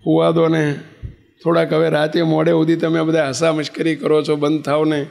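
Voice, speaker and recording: A man as a calm revered master. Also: a little high, moderate pace, vocal fry. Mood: coaxing. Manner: calm, coaxing requests. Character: patient revered master giving orders. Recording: long hall reverb.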